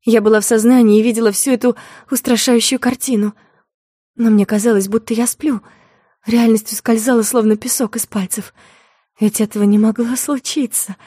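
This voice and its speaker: A woman narrating a dramatic first-person story in a soft, low, intimate way, as an audiobook reader. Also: no room sound, studio quality.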